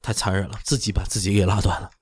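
A man's voice: sits low, little pitch movement, fast, slightly rough, no echo. Middle aged guy, doctor explaining stuff casually, keeps checking you follow, dry sound. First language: not Chinese. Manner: explanatory, often checking with "right?". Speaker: orthopedic doctor explaining on a talk show.

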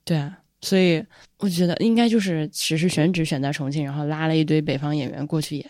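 A woman's voice: low-pitched, steady tone, quick pace, a little mellow, dry recording, studio quality. A woman co-hosting a podcast, chatting casually and opinionated, laughing easily. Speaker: podcast co-host. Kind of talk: casual chat.

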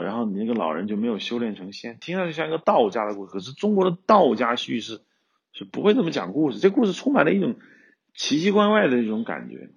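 A man tells an old tale on his podcast in a casual, rambling way, often restarting his sentences. His low, gravelly voice rises and falls a lot as he goes. The recording sounds dull and lo-fi. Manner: retells a tale in loose spoken style with frequent restarts. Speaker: podcast host, screenwriter-director. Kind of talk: casual storytelling commentary.

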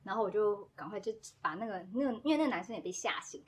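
A woman, a podcast guest telling a story in casual chat, animated and quick to act out what people said. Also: mid-range voice, slightly rough. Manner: animated, acts out quoted dialogue, laughs often.

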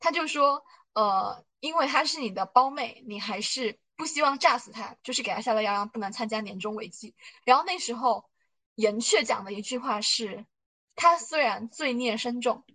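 A woman's voice: a little high, animated, normal speed, sharp tone, rough recording. A woman hosting a podcast, chattily retelling drama scenes and thinking aloud about hidden motives, with lots of fillers. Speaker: podcast host. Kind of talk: casual plot recap and analysis.

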